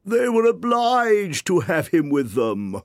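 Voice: medium pitch, big pitch swings, dry recording, studio quality, voice pushed up. A performer voicing a ponderous, touchy, mournful turtle creature in a storybook, drawing the words out. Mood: pompous. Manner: slow, drawn-out, easily offended.

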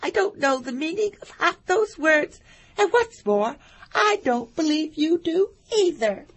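A woman voicing a cheeky, sharp-tongued young eaglet. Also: sits high, animated, measured pace, pitched above the performer's own voice. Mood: sassy. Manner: sassy, sharp retorts.

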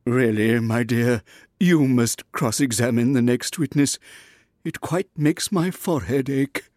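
A man voicing a pompous, anxious storybook king with a drawn-out, imperious delivery. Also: medium pitch, a little mellow, no room sound, clean studio sound, voice pushed up, close to an everyday voice. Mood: weary, reluctant.

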